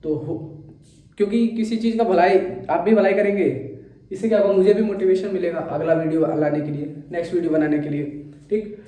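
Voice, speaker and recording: A man's voice: high-pitched, fairly even intonation, fairly quick, warm tone, recorded from a distance. Chatty male maths teacher in an echoey room. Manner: chatty, checks in with "theek hai" often. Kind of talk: explaining a maths exam solution.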